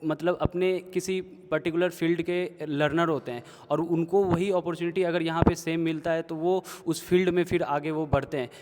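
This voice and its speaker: A young man in his twenties from Bihar, a third-year student giving earnest, steady answers with many fillers in a casual interview. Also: a little high. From Bihar, India. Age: 20s. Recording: echoey room.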